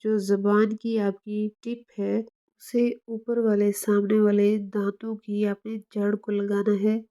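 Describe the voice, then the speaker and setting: A woman teaching recitation in a slow, patient way, stopping to sound out each letter. Her voice is mellow and soft-edged. Her pitch stays level and barely rises or falls. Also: monotone. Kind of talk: tajweed lesson.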